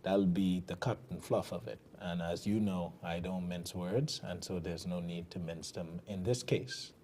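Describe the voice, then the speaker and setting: A warm-toned man whose voice sits low talks a little slowly, with a Bahamian accent. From the Bahamas, he hosts a TV commentary show and delivers political commentary fiercely and emphatically, in a preaching rhythm, on a television broadcast.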